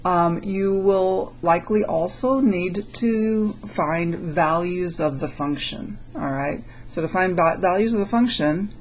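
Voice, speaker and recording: A woman teacher with a summer cold, her voice gravelly and nasal, explaining a calculus lesson on video and checking in with frequent "okay?". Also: lowish voice, muffled recording, slight background noise.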